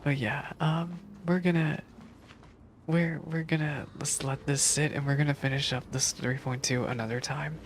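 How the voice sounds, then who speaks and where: Over game music, a woman streams a game and reacts to its story, thinking aloud in an easygoing, informal way. Her low voice moves at normal speed with fairly even intonation. A little background noise can be heard.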